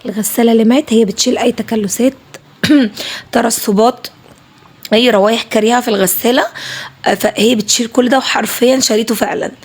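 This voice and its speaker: Fast-talking Egyptian woman vlogger. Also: fairly high pitch, fairly even intonation, husky. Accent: Egyptian Arabic. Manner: fast, emphatic, repeats herself. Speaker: home routine vlogger. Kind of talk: casual voice-over chat.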